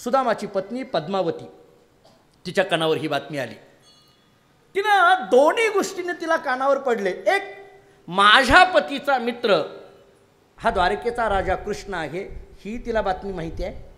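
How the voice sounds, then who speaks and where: A man giving a devotional discourse in Marathi, telling a story with playful, animated delivery, acting out the dialogue and rising suddenly in loudness. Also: high voice, a little slow, long pauses. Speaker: kirtan preacher.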